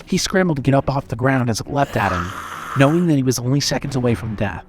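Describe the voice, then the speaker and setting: A man narrating a horror story in a steady, suspenseful reading style. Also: mid-range voice, quick pace.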